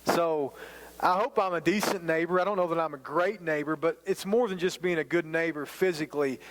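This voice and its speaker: A man's voice: fairly high pitch, fairly quick, noisy background. A man in his forties preaching a sermon as a pastor, talking in a conversational, self-deprecating way with rambling asides. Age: 40s.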